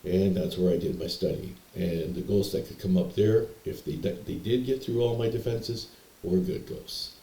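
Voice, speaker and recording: This young vlogger from Canada speaks at a normal speed in a low, dark voice, rambling through a personal story to camera. He keeps hesitating, repeating himself and starting over, and the room around him echoes.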